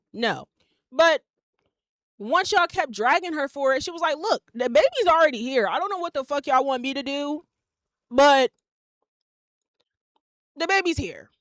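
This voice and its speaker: This podcast host, a woman in her 20s, has a high, slightly bright voice captured in a dry, studio-quality recording. Her casual opinion monologue is a blunt, emphatic rant packed with swearing.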